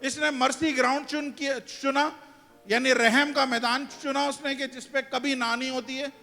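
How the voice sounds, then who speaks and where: A man's voice: extremely high pitch, little pitch movement, moderate pace, pushed and bright. A male pastor preaching a sermon to his congregation, asking it questions and driving his points home. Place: church hall. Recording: church hall reverb with music behind.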